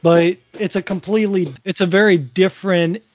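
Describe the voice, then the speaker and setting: The speaker is a forties-aged podcast co-host from Virginia, casually chatting and rambling with many restarts. His voice is high-pitched yet darkish, steady in tone and normal in speed, recorded without echo but muffled.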